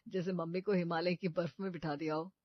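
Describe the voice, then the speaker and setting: A woman voicing a young son who jokes softly about his mother, on a dull lo-fi cartoon track. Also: lowish voice, fairly even intonation, a little fast, close to an everyday voice. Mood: teasing. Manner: soft, joking tone. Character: amused young husband, teasing son. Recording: dull, dry lo-fi voice-over.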